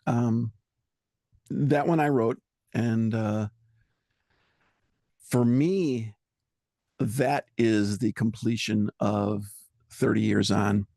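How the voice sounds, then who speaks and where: A man being interviewed as a musician, talking in an earnest, halting way and searching for words. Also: fairly low pitch, steady tone, creaky, mellow, no room sound, clean studio sound. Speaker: musician guest. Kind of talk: reflective interview talk.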